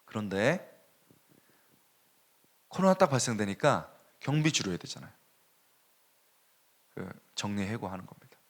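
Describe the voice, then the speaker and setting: Male pastor, sermon, low voice, very animated pitch, hushed then loud storytelling. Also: measured pace, pauses often. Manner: animated storytelling, dropping to a hush and rising sharply.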